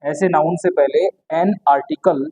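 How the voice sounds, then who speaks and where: Mellow teacher quizzing and answering themselves. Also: medium pitch, rough recording. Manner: asks questions and answers them at once; repeats key words slowly for emphasis. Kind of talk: explanatory lesson.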